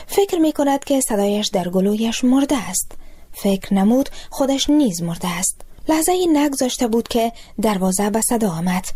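A woman with an Afghan Dari accent, narrating a short story in a calm, even storytelling manner. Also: medium pitch.

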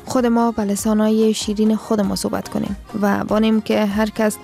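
A woman's voice: medium pitch, flat delivery, gravelly, warm tone, soft background music. A woman with an Afghan Dari accent co-hosting a radio call-in show, backing up the host's points. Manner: agreeing, backing up the host. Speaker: radio co-host.

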